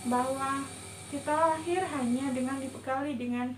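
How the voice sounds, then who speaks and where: A woman with a high voice gives a gentle, measured religious talk in a roomy indoor space. A faint hum sits under her voice, and the sound has some echo. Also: fairly even intonation. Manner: gentle, reflective, measured delivery. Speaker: religious teacher. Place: indoor room before a patterned cloth backdrop.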